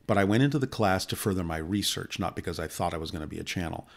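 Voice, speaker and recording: A man in his sixties telling a long personal story in a measured, steady way, as a guest in a studio conversation close to a boom mic. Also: creaky. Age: 60s. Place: indoor studio set. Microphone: boom-mounted studio mic close by.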